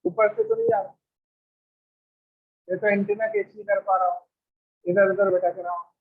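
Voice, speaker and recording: A man's voice: high voice, level tone, moderate pace, phone-quality sound. A man teaching chemistry to a classroom of students, quizzing them with repeated questions and rattling off lists of elements at speed. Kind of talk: classroom lecture.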